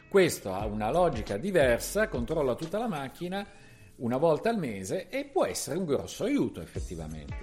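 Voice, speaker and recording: Tech podcast guy talking through some software, bouncy up-and-down voice, casual and chatty. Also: medium pitch. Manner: chatty, thinking aloud while clicking through software.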